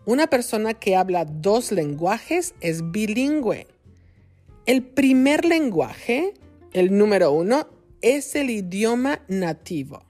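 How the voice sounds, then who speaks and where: A Mexican woman hosts a podcast for Spanish learners, enunciating each word with deliberate care. She talks very slowly, and her pitch rises and falls in a lively, animated way. Faint music plays softly behind her voice. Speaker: podcast host and Spanish teacher. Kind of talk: slow, clear teaching podcast for learners.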